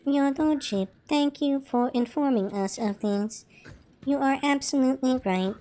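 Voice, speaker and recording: A woman voicing a cold, mechanically augmented noblewoman from a game, speaking in a formal, measured way. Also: sits high, dark tone.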